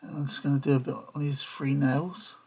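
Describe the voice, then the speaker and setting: A man's voice: mid-range voice, flat delivery, a little fast, dark tone, husky. A man talking casually through a figure-painting tutorial at his workbench, muttering to himself as he works and holding his breath over the fiddly bits. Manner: chatty, muttering to himself while working. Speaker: hobbyist toy customizer.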